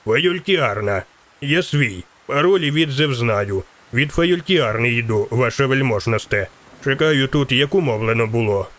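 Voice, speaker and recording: A man's voice: mid-range voice, animated, a little slow, fairly bright tone. A man doing a rattly-voiced fawning merchant. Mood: servile. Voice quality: slightly rattly voice. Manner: wheedling, servile. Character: fawning middle-aged male merchant, greedy.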